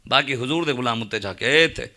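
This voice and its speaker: Impassioned Punjabi-accented preacher man, sharp voice. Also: mid-range voice. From Pakistan. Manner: impassioned, rhetorical questions to the crowd. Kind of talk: sermon.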